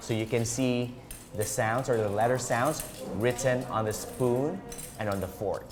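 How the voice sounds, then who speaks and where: Very slow-talking male teacher. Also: medium pitch, fairly even intonation. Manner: slow, repetitive prompts to children. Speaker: English teacher. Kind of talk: classroom instruction. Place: school classroom.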